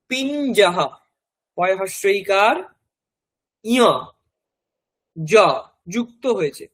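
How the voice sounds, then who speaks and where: A man's voice: sits high, fairly bright tone, poor audio. A man with a West Bengal Bengali accent teaching a Sanskrit class. He spells each word out letter by letter and repeats it several times. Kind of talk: classroom language lesson.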